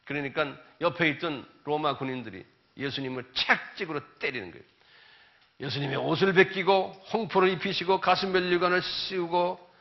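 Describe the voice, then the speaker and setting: Animated Korean pastor, dull lo-fi sound. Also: male voice, fairly high pitch. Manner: animated storytelling, acting out biblical voices loudly. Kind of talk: sermon lecture. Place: church or seminar hall. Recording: dull lo-fi recording.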